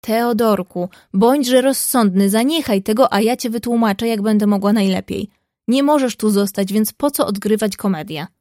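A woman reading the part of a bold, warm-hearted young woman who speaks earnestly and coaxingly. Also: medium pitch, moderate pace, no room sound, studio quality, natural voice.

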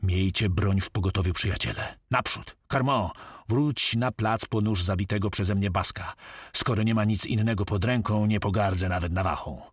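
A man's voice: on the low side, moderate pace, breathy edge, no echo, clean studio sound. A man voicing a grim pirate captain who gives firm commands. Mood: commanding.

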